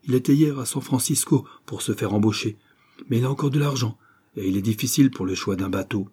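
A man's voice: mid-range voice, fairly quick, warm tone, slightly rough, close to an everyday voice. A man voicing a weary, tearful working wife who speaks plaintively and weakly. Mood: tired. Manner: plaintive, sighing, weak.

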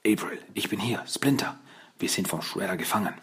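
A man voicing an old, wise male rat master in an audiobook, talking in a hushed, steady whisper. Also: deep voice, a little fast, breathy edge, exaggerated voice. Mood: hushed reassuring.

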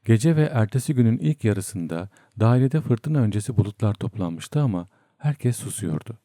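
Dark, deep male storyteller. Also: dry recording, clean studio sound. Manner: steady, measured storytelling. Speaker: narrator. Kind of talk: audiobook narration.

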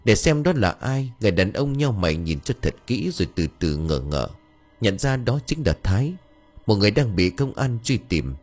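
A man narrating a ghost story in an expressive, animated way. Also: on the low side, normal speed, faint music behind.

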